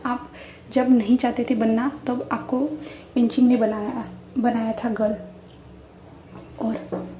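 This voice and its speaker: A woman voicing a playful, excitable young man who teases and exclaims. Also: on the high side, a little hiss or hum, lightly acted. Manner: teasing, exclamatory. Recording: echoey room.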